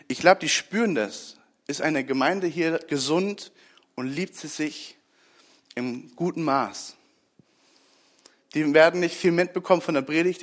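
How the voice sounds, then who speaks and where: A man with a somewhat high voice gives a sermon in a plain, conversational way. He checks in with his listeners as he goes. On key points his voice sinks low and quiet. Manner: conversational, asks listeners for agreement. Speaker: preacher.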